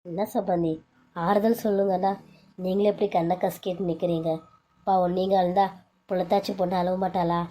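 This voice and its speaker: In a Tamil cartoon serial, a woman voices a scheming mother-in-law who scolds and dismisses one daughter-in-law, then coaxes and fusses over the other. Her lowish, mellow voice stays near everyday speech, with little pitch movement and a slightly fast pace.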